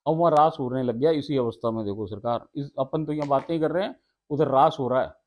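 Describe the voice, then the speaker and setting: A man's voice: medium pitch, brisk, dull audio. Laughing, homely devotional storyteller man. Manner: homely, laughs often, addresses listeners as sarkar. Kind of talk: devotional talk mixing casual asides with read scripture.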